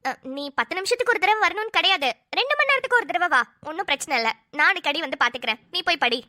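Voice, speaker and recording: A woman's voice: very high voice, animated, fast, sharp tone, no echo, studio quality, exaggerated voice. A woman voicing a scheming young wife who sweet-talks the family and mutters her plots to herself.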